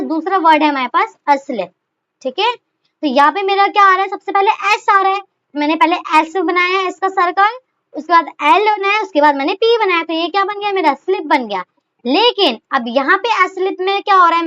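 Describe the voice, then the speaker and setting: High bright-voiced woman teaching shorthand. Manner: chatty, repeats rhetorical questions and okay. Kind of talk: explaining a lesson step by step. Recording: dull lo-fi recording.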